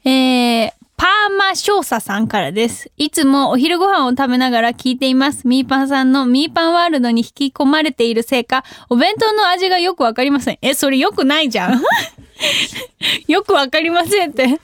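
A woman's voice: sits high, sing-song, fairly quick, fairly bright tone, no room sound, studio quality. A young woman hosting a radio show, reading listener mail in a giggly, self-deprecating way. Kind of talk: casual radio chat. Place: radio studio.

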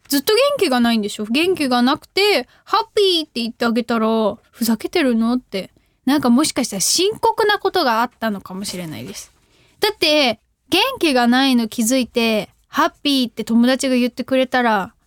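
A young woman hosting a radio show, reading listener letters in casual chat, bubbly and giggly, sometimes shouting catchphrases. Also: sits high, dry recording, clean studio sound.

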